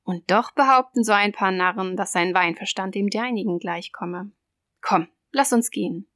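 A woman's voice: mid-range voice, normal speed, fairly bright tone, no room sound, studio quality, natural voice. A woman doing a drunken boastful wine-snob man. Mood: eager. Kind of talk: audiobook character voice.

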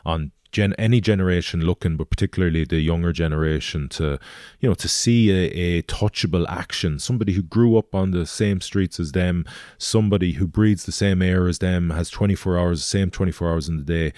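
Very deep west of Ireland man. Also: fairly quick, darkish tone, no room sound, clean studio sound. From Galway, west of Ireland. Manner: earnest, hesitant, thinking aloud. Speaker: interview guest, endurance athlete. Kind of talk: reflective interview talk.

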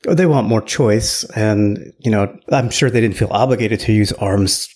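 A man co-hosting a tech podcast, chatty and sarcastic in casual talk, quick to laugh. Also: fairly low pitch, darkish tone. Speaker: podcast co-host.

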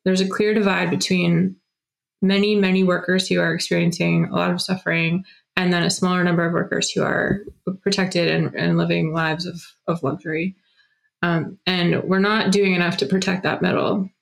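A woman guest in a casual conversation, explaining her views in a measured way. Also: fairly low pitch, level tone, gravelly.

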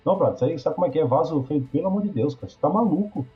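A man with a Brazilian accent talking casually, telling animated, slangy work stories full of asides. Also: fairly high pitch, very fast, husky, faint music behind. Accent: Brazilian Portuguese. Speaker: podcast guest talking about trade work. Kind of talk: casual chat. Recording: muffled, slightly lo-fi sound.

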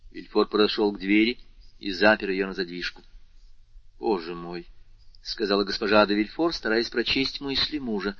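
A man narrating an audiobook in an expressive, dramatic reading style. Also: lowish voice, dry recording. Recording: dull lo-fi audio.

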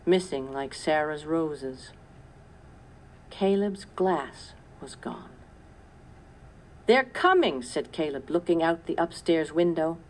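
A woman reading a children's story aloud in a measured first-person narration. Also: deep voice, warm tone. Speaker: audiobook narrator.

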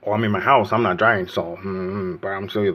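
A man's voice: sits low, steady tone, a little fast, fairly bright tone. A man in his late forties hosting a mock radio show from home, rambling and joking in a loose comedic monologue. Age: 40s. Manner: rambling, joking, often laughing. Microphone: phone.

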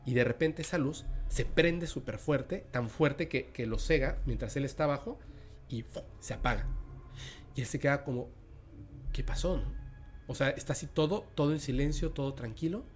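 A man's voice: mid-range voice, normal speed. Mexican man telling a spooky story. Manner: dramatic, drops to a hushed voice at tense moments. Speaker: podcast host and storyteller.

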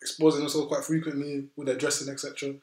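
A man's voice: a little high, flat delivery, very fast, a little mellow. A young man with a London roadman accent, leading a casual debate in street slang and often repeating himself. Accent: London, urban street style. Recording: roomy, echoing sound.

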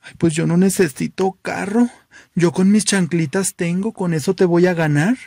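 A man's voice: high voice, steady tone, normal speed, vocal fry, darkish tone, no room sound, clean studio sound, pitched above the performer's own voice. A man with a Mexican accent voicing a flamboyant, coquettish young man in plastic flip-flops, with a sighing singsong delivery. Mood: teasing.

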